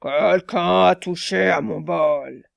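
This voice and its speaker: A woman voicing a big gruff male bear who speaks in a slow, deep, booming growl. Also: dry recording, exaggerated voice. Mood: grumbling.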